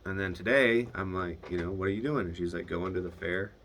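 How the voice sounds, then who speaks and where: A man's voice: sits low, fairly quick, fairly bright tone, slight background noise. A young man telling a video diary about a hard phone call, hesitant and swearing when upset. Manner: retells phone calls, quoting both sides. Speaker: video diarist. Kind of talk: casual confessional monologue.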